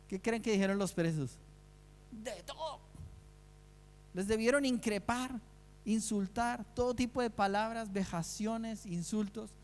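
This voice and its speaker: Male pastor, high voice, emphatic sermon delivery with rhetorical questions, long church-hall reverb. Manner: repeats key phrases for stress. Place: church sanctuary.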